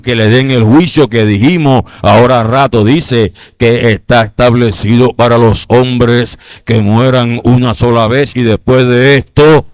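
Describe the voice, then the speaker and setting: A man's voice: medium pitch, dry recording. A man preaching a Bible class, reading scripture and explaining it, often asking the listeners questions to check they are following. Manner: reads scripture aloud and explains it line by line. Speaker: preacher teaching a discipleship class.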